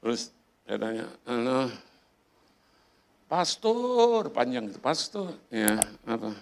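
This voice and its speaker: A man's voice: medium pitch, flat delivery, moderate pace, gravelly, a little hiss or hum. A middle-aged man preaching in a church, telling a personal story in a chatty way and acting out the voices of the people in it. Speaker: pastor. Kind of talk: sermon storytelling. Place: church hall.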